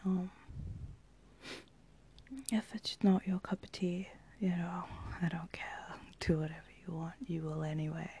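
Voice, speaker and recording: A woman's voice: lowish voice, flat delivery, measured pace, mellow, slightly rough. A young woman, talking casually in a whispered ASMR voice, rambling with lots of fillers. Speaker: channel host.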